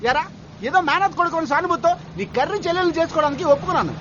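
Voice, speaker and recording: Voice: extremely high pitch, very fast. A speaker in comedic film dialogue, scolding and hurling insults. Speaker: film character. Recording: dull film soundtrack with noise.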